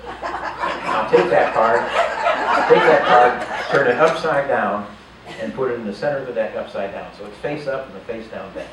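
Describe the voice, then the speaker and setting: Recorded from afar in an echoey, noisy showroom, this older male magician at a casino jokes and chats with audience volunteers as part of his live show patter. He speaks at a normal speed in a mid-range voice.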